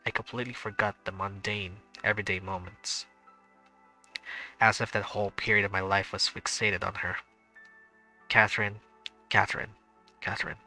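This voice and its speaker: A man streams a visual novel, voicing its narration and chatting on the side, with filler words creeping in when he's unsure. His voice sits on the low side and sounds bright and forceful.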